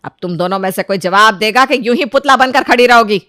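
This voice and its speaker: Cartoon mother-in-law, middle-aged and bossy, scolds in a sharp commanding voice; a woman voices her. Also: on the high side, fairly quick, no room sound, studio quality. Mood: angry.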